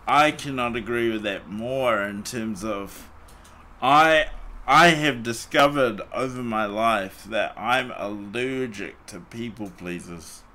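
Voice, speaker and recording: A man's voice: mid-range voice, pushed and bright, a little hiss or hum. A man hosting a podcast in casual chat, rambling with lots of fillers and restarts. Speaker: podcast host. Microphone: desktop mic on a voice call.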